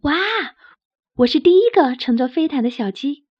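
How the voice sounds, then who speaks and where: A woman's voice: high voice, a little fast, no echo, voice pushed up. A woman voicing a cheerful, encouraging young chick in a children's story. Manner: encouraging, lively. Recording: dry, slightly dull recording.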